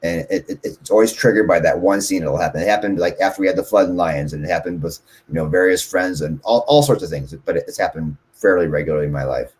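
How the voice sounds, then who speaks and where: A man, a guest musician, answering interview questions casually and telling long, animated stories. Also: sits low, quick pace, hardly any pauses. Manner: rambling, animated storyteller.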